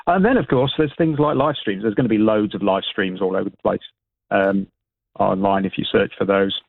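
Halting British man on a tinny phone line. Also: fairly low pitch, creaky, no echo. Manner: hesitant, halting, repeats words. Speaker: astronomy expert and event organiser, radio guest. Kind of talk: live radio interview, explaining informally.

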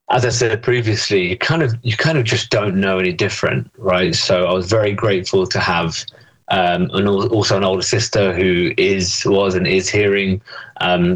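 A young Englishman, appearing as an interview guest, answers questions thoughtfully, with many fillers and restarts. His voice is fairly low and a bit bright, captured in a rough recording.

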